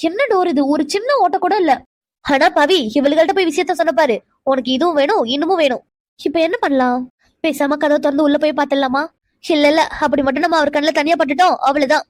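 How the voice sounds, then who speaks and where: A woman's voice: sits high, quick pace, no echo, clean studio sound, close to an everyday voice. A woman voicing an anxious, heartbroken young wife in a cartoon drama, fretting aloud to herself. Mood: anxious muttering.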